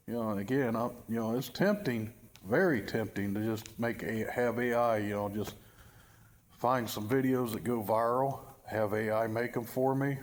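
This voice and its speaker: Brief: middle-aged man, low-pitched, casual wry self-mocking vlog talk, cold dim workspace. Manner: rambling, wry and self-deprecating. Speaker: channel owner. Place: cold, dim work building with fluorescent lights.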